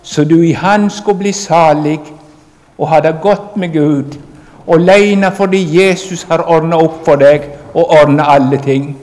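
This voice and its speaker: Earnest preacher. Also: male voice, fairly high pitch, a little mellow. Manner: earnest, emphatic preaching, addressing the congregation directly. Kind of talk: sermon. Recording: long reverb of a large hall.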